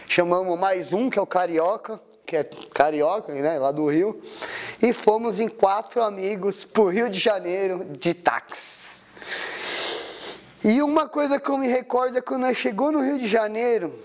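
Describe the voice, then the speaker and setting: A man's voice: sits high, measured pace. A middle-aged man with a São Paulo accent tells a personal story in an interview, emotional and slangy, acting out quoted voices. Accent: São Paulo Portuguese. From Brazil. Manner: emotional, animated, slangy retelling with acted-out quotes.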